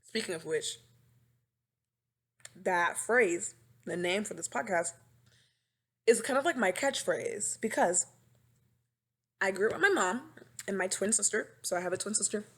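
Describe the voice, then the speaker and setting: A woman's voice: medium pitch, a little slow, pauses often. Rambling young woman podcaster on a webcam mic. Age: 20s. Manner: animated, rambling, dramatic and self-mocking. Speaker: podcast host. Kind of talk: casual chat. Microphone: webcam microphone.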